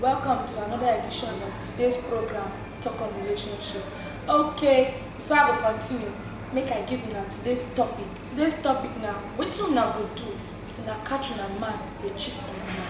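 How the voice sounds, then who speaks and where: Female talk show host, Nigerian accent, recorded off-mic with clear background noise. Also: on the high side, fairly quick. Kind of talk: programme presenting in Pidgin. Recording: very echoey, distant, noisy room.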